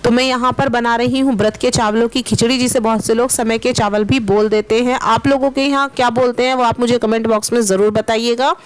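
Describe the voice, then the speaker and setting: Woman vlogger from Meerut, India, somewhat high voice, casual and chatty narration that speaks directly to viewers. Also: steady tone, fairly quick, hardly any pauses. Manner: chatty, explains steps and addresses viewers directly. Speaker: vlogger and housewife.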